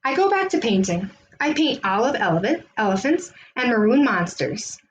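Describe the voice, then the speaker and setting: Bringing a children's picture book to life, a woman reads with expressive storytelling at normal speed in a slightly high voice. The recording is low-quality, with slight background noise.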